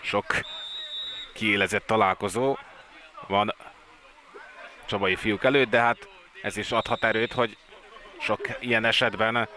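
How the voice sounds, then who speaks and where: Excited man commentating, bright forceful voice. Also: fairly low pitch, pauses often. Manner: excited, voice rising at key plays. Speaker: sports commentator. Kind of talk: live water polo match commentary.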